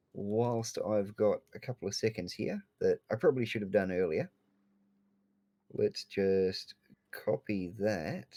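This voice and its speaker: A man's voice: on the low side, darkish tone, no room sound. A man with an Australian accent talking casually as a co-host on a live game stream, laid-back and rambling.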